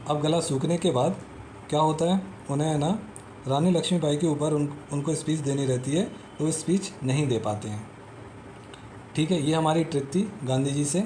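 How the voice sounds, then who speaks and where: A man teaches memory tricks for exams in a casual, repetitive way, storytelling and explaining step by step while often checking in with the listener and peppering his talk with "theek hai" and "hai na". His voice is on the high side and dark in tone, at a normal speed. The recording is rough, with a little hiss or hum.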